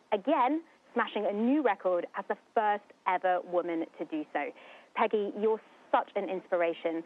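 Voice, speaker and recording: A woman hosting a live broadcast interview as a news presenter, heard through a phone-like link. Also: mid-range voice. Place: studio, heard over a link. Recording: narrow tinny phone-like radio link.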